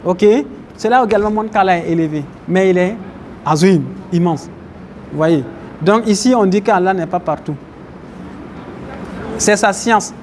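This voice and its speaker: Guy with a high voice teaching a mosque class, keeps asking the room questions, bit of street hum. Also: a little slow, pauses often, darkish tone. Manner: questions the audience, explains Arabic terms. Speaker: Islamic teacher. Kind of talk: religious lecture to a class. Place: mosque, faint outdoor traffic behind.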